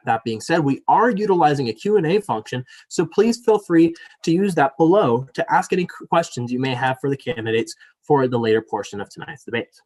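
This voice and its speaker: Here a young man, the student elections director, moderates a live virtual debate on a video call. His mid-range, slightly mellow voice moves quickly with lively intonation, chatty and apologetic with many fillers until he formally reads the rules.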